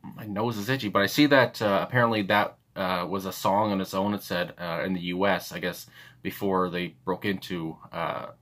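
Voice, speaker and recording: Low-voiced man rambling casually. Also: fairly even intonation, normal speed, fairly bright tone. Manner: rambling, hesitant, many fillers and restarts. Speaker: music reaction channel host. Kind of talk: casual unscripted commentary.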